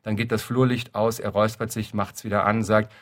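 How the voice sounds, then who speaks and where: A man reading a literary story aloud in a dry, deadpan narrating manner. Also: fairly low pitch, fairly quick. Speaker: reader.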